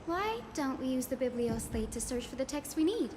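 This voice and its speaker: A woman's voice: high voice, very animated, moderate pace, noisy background. An actress voicing a cheerful young woman scholar in a game, telling stories and mimicking quoted critics. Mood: explaining. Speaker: game character. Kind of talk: game voice acting. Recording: game audio over music, long reverb.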